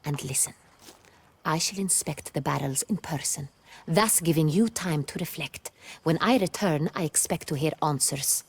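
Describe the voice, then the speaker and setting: A low-pitched female voice with a breathy edge speaks at a moderate pace. The actress plays an imperious, exacting ruler of noble birth in a video game, delivering lines in a commanding, haughty, and formal manner.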